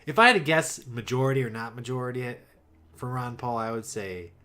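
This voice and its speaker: A man co-hosting a casual political podcast. His voice sits at an everyday middle pitch. He talks in a wry, teasing way and often hedges his points. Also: lively intonation, brisk, bright, forceful tone. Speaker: podcast co-host.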